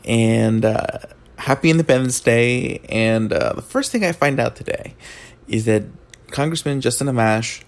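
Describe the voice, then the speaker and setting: Sounding like he just rolled out of bed, a man riffs on politics casually and without a script, halting with pauses and repeated words. His mid-range voice has vocal fry and lively intonation.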